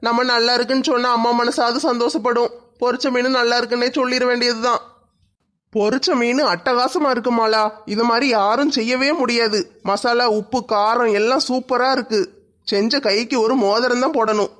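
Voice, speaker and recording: A woman's voice: on the high side, steady tone, fairly quick, fairly bright tone, pitched below the performer's own voice, close to an everyday voice. A woman voicing a meek young husband stuck between his wife and his mother, muttering fretfully.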